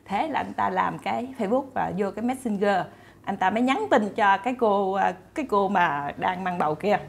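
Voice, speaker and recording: A woman's voice: mid-range voice, expressive, a little fast, creaky, a little hiss or hum. A woman retelling a story to her viewers in a chatty, casual way, full of fillers and repeated words. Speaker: storyteller host.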